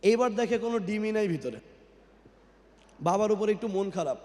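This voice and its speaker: A man's voice: high-pitched, lively intonation, moderate pace, mellow. A man giving a motivational speech to a crowd, quizzing the audience and mixing in English, his voice ringing with a cathedral-like echo in a large hall. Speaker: guest speaker at a company event. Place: large indoor event hall. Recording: long hall reverb on a PA microphone.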